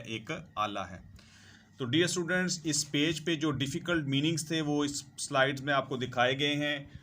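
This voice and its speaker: A man's voice: medium pitch, bright, forceful tone. A male English teacher, talking over slides and listing word meanings and synonyms one by one. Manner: lists synonyms one by one, repeats "ठीक है जी". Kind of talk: slow vocabulary lesson over slides.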